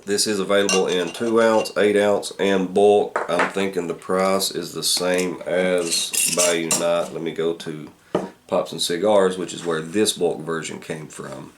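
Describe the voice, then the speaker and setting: Casting: man with a very low-pitched voice, casual reviewer, thinks aloud in halting phrases. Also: fairly even intonation, background noise. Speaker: pipe tobacco reviewer.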